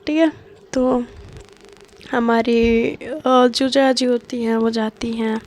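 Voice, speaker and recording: A woman's voice: on the high side, steady tone, slow pace, a little mellow. A young adult woman narrating a family story in a chatty, casual way, with asides to her listeners.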